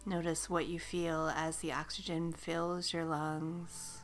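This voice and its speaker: A woman guiding a meditation, speaking slowly and soothingly with drawn-out phrases that sometimes soften to a whisper. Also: low voice, level tone, faint music behind. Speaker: meditation guide. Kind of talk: guided meditation.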